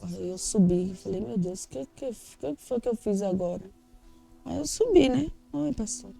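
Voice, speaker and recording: A woman's voice: medium pitch, lively intonation, normal speed, gravelly, warm tone. A Brazilian Portuguese-speaking woman giving an emotional, candid personal testimony in an interview, acting out the dialogue she quotes.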